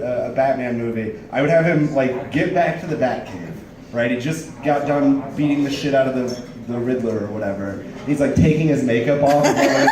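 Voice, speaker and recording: A man's voice: mid-range voice, roomy sound, distant mic, rough recording. A man in his twenties doing a casual stand-up comedy set, rambling with lots of fillers. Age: 20s. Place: comedy club stage, audience laughing.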